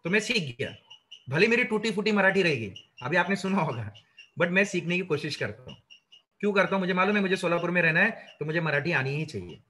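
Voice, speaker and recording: Bright high-voiced man lecturing students. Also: a little fast. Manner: lively, rhetorical questions, mixes English into Hindi. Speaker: career trainer.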